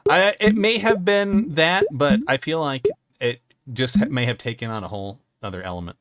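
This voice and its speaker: A man's voice: on the high side, expressive, normal speed, a bit bright, slight background noise. A man hosting a live stream in casual chat, joking, laughing often and rambling loosely. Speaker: stream host.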